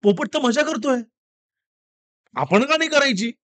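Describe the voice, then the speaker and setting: A simple, naive dog that copies whatever it sees, with a high, bouncy voice, as a man puts him on in a storytelling talk. The tone moves lively up and down in an easy, guileless way. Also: measured pace, dry recording, full character voice. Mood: playful. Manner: naive, imitating. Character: copycat male dog, later frightened.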